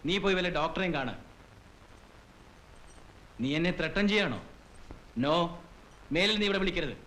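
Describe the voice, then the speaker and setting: A man's voice: sits high, lively intonation, normal speed, fairly bright tone, slight background noise, poor audio. An actor playing an arrogant young man who speaks in a cold, curt and dismissive way, in an old film soundtrack.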